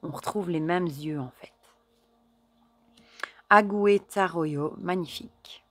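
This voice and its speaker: A woman in casual chat with her viewers, showing and admiring a deck of oracle cards, chatty and admiring, with soft murmured asides. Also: sits low, fairly even intonation, moderate pace, slightly rough, no room sound. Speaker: card reader and oracle deck reviewer.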